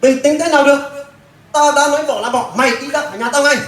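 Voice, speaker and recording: A man's voice: high voice, lively intonation, moderate pace, fairly bright tone. A man acting a stubborn, hot-tempered village husband in an amateur skit, blunt and scolding, with Hmong as his first language. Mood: angry. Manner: blunt, scolding, repeats himself. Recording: roomy, from a distant mic.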